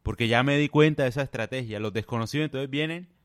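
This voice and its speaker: A man's voice: medium pitch, fast, clear, resonant tone, dry recording, studio quality. Blunt man lecturing. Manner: blunt, lecturing, speaks straight to the listener. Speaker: advice vlogger. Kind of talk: monologue to camera.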